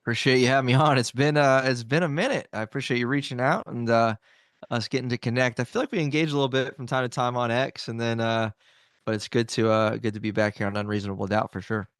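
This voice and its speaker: Male interview guest, easygoing, mid-pitched, clean resonant tone. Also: fast talker, clear, resonant tone, no echo, clean studio sound. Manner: friendly, relaxed, uses fillers. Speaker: podcast guest, sports YouTuber. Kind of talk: casual interview chat.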